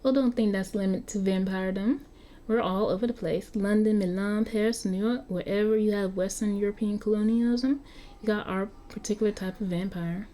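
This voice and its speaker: A woman's voice: mid-range voice, steady tone, a little fast, warm tone, lightly acted. A woman with a Southern US accent voicing a cocky, slangy vampire who has been stuck looking nineteen for over a century, while reading an interactive story aloud. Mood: breezy. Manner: chatty, flippant, slangy. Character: cocky young-looking vampire, century-old street kid.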